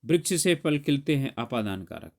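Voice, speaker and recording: A man's voice: mid-range voice, big pitch swings, moderate pace, gravelly. A man teaching grammar, solving an exam paper aloud step by step and correcting himself as he goes. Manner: explains step by step, corrects himself mid-sentence.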